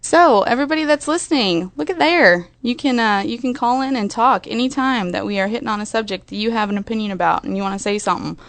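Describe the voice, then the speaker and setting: A woman's voice: fairly high pitch, quick pace, few pauses, a bit bright, no room sound. A young woman hosting an internet radio show, chatting casually and a little scatterbrained. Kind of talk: casual chat.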